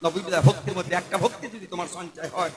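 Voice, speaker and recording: A man performing a devotional kirtan sermon, lively and questioning the audience as he goes. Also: sits high, very fast, rough recording. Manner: lively, addressing the audience directly and asking them questions. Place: live kirtan gathering. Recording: live crowd audible behind.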